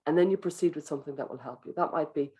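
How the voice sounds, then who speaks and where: A speaker giving a wellbeing talk to teachers in a gentle, coaching manner, guiding breathing exercises and acting out inner thoughts. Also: medium pitch, very fast, breathy edge. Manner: acts out inner thoughts in quoted voices.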